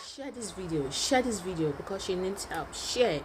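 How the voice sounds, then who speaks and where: A woman's voice: lowish voice, animated, moderate pace. A woman hosting a video channel, introducing a clip and urging viewers to share it, pleading and repetitive. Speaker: channel host. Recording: noisy background.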